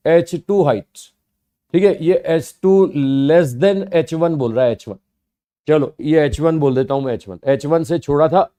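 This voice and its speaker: A middle-aged man teaches physics online, explaining each step and repeating key phrases for his students. His voice sits a little high. It has a soft, mellow tone.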